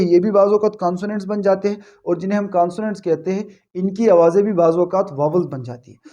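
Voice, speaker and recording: High-voiced man teaching grammar. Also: darkish tone, dull audio. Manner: patient, repeats points, checks understanding. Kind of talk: explaining a grammar lesson.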